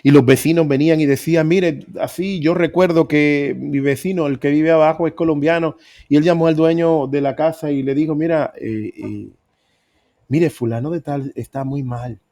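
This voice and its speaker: A man's voice: a little high, fairly even intonation, moderate pace, dark tone. A middle-aged man preaching, telling his own story with earnest emphasis. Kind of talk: sermon testimony.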